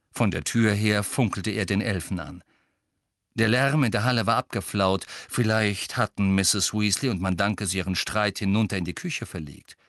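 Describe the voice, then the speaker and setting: A man reading an audiobook aloud in a dramatic, expressive narration style. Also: on the low side, no echo, clean studio sound.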